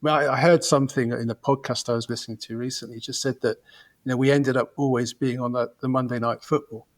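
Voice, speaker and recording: A man in his fifties, a football fan appearing as a guest on a podcast, rambles and reminisces in a reflective, casual chat. He talks fast, with a medium pitch and a steady tone.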